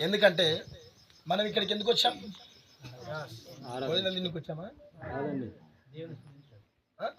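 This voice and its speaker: High-voiced preacher shouting to a crowd. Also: male voice, steady tone, normal speed, pauses often. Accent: Telugu, Andhra Pradesh. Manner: shouts and pleads with congregation. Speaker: pastor. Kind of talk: sermon with call-and-response. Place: church hall with congregation. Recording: crowd noise behind.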